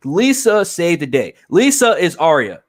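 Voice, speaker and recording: A man with a slightly higher voice than most men chats through a movie review. He rambles and restarts his sentences, leaning hard on his points and swearing freely. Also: very animated, a little slow. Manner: rambling, emphatic, profane, many restarts. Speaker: podcast host. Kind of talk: casual film review chat.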